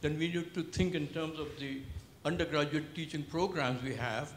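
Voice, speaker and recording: A man's voice: fairly high pitch, moderate pace. A man from the audience making a formal, articulate point to a panel. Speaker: audience member asking a question. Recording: roomy with faint noise.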